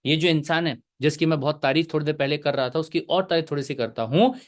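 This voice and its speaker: A man's voice: fairly high pitch, fast talker. A male teacher giving a live online lecture, chatty and joking, mixing English terms into his talk.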